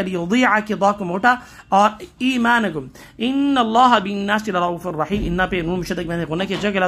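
A man's voice: high-pitched, bright, forceful tone. A man from Pakistan teaching tajweed, reciting verses and explaining each letter rule step by step, stopping now and then to correct himself.

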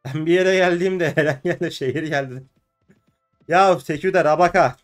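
Hoarse sick guy doing a let's play, kinda high voice, keeps ranting and cussing at the game. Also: normal speed, faint music behind. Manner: ranting and cursing at the game, frequent outbursts. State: hoarse from illness. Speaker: gaming video host.

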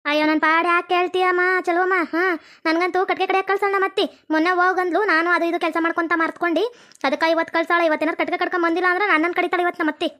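A woman voicing a shrill, rapid village wife. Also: level tone, bright, forceful tone. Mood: complaining. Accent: North Karnataka Kannada. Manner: quarrelsome, scolding, rapid-fire. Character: bickering young village women, sharp-tongued and dramatic. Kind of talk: comic cartoon voice acting.

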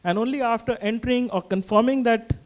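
A man in his fifties speaking on a stage panel into a handheld mic, explaining step by step in a measured way. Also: very high voice. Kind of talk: panel discussion.

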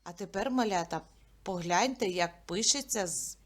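A woman teacher leading a literacy lesson for young children. She asks questions, waits for answers and says words slowly and clearly, sound by sound. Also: medium pitch. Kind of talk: early-years literacy lesson.

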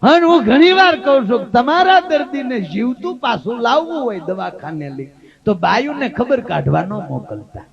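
A Gujarati-accented man tells folk comedy on stage in a very high, gravelly voice that swings lively up and down. The recording is dull and lo-fi, and a large audience is heard behind him. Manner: lively storyteller, jumps into high shrill voices for women. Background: audience laughter.

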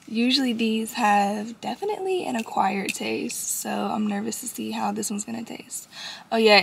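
Her voice sits mid-range, gravelly yet fairly bright, as this working mom vlogs to her audience, still drowsy from waking. She repeats herself for emphasis, and the echoey space carries a little faint noise.

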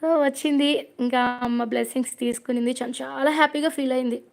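A woman's voice: high-pitched, fairly even intonation, a little fast, vocal fry. A young woman hosting a devotional livestream from home on her phone, chatting casually, telling stories and reading viewer comments aloud. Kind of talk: casual live chat with viewers. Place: home prayer room.

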